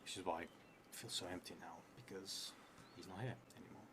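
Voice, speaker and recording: A man in his thirties, a solo tabletop roleplay player and streamer, improvises a story aloud for his game at a brisk pace in a low, steady voice. He sounds hesitant and musing, often trailing off. He sits at a table indoors in a theatre room, and the recording is clearly noisy.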